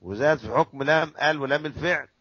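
A man's voice: a little high, fast talker, bright, forceful tone, husky, dry recording, poor audio. A man with an Egyptian accent, a sheikh explaining a classical recitation text to students, drilling sounds syllable by syllable and quizzing his listeners. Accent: Egyptian Arabic.

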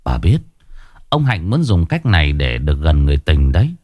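A man narrating a dramatic story in an expressive, scripted way. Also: a bass voice, normal speed, no echo, dull audio. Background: faint music.

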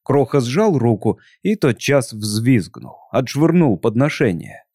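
A man narrating a storybook in an even, measured way. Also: mid-range voice, no echo, studio quality. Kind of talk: audiobook reading.

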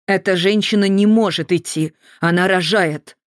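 A reader voicing a calm, steadfast woman midwife who speaks firmly, in an audiobook. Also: mid-range voice, normal speed, dry recording, studio quality, lightly acted. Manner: calm, firm.

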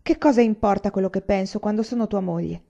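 A woman reading a novel aloud and voicing a quiet Japanese wife who speaks softly and sweetly but will not give way. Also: medium pitch, fast, creaky. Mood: reserved. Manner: soft, sweet and unyielding. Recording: slightly dull lo-fi recording.

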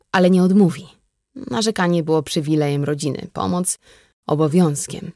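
A woman narrating an audiobook in a measured, even manner. Her voice sits a little low. The recording is dry and close, with no room sound. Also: no room sound. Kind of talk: scripted narration.

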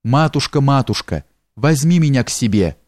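A grieving young maiden from a storybook, as a male narrator reads her. Her lines come soft and trembling. The recording is dry and close. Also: medium pitch, animated, normal speed, dry recording, lightly acted. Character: grieving young woman captive, tearful and pure.

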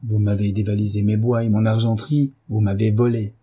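A man reading a drunken, brutish middle-aged husband, speaking slowly with slurred pauses and a low, husky, dark voice. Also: flat delivery. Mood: drunk, menacing. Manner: slow, slurred, with frequent pauses.

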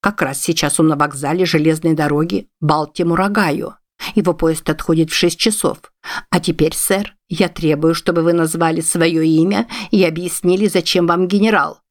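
A woman's voice: fairly even intonation, moderate pace, no room sound, studio quality, close to an everyday voice. Woman voicing a stout, wary middle-aged lady. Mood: stern. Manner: shrill when alarmed, curt and wary.

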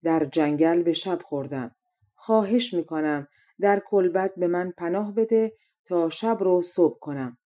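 A woman's voice: on the low side, warm tone, natural voice. A woman voicing a poor young male tailor who begs humbly for shelter in a storybook reading. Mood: pleading. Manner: humble and pleading.

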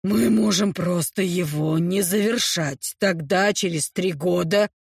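A woman voicing a young male orc, speaking low and subdued with remorse, in an audiobook reading. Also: a little slow, creaky, husky, no echo, clean studio sound, exaggerated voice. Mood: remorseful. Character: young male orc, gruff yet apologetic. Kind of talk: audiobook character voice.

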